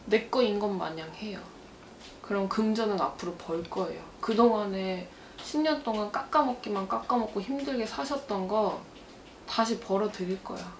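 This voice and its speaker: A woman's voice: medium pitch, moderate pace, distant mic. A woman fortune teller giving a blunt, matter-of-fact reading, sliding between casual and polite speech. She relays what the spirits say. Her voice rings in an echoey room with a faint hiss underneath. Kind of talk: fortune-telling consultation.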